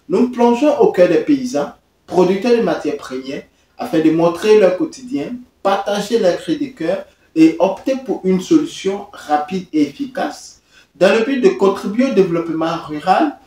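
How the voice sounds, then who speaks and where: A man from Côte d'Ivoire hosts his own channel, talking in a halting way with many drawn-out "euh" fillers. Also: fairly high pitch, a little mellow, echoey room, far from the mic. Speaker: host. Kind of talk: hesitant talking-head commentary.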